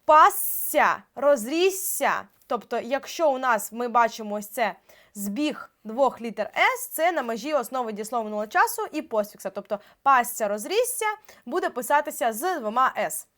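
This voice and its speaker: A young woman teacher giving an exam-prep grammar lesson, explaining step by step and drawing out example words slowly. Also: a little high, animated, a bit bright. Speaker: Ukrainian language teacher.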